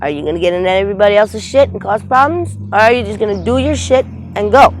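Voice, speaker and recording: A woman's voice: medium pitch, lively intonation, fast talker, a little hiss or hum, rough recording. A woman in her twenties, born in Trinidad, speaking bluntly and swearing freely in an outdoor street interview. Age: 20s.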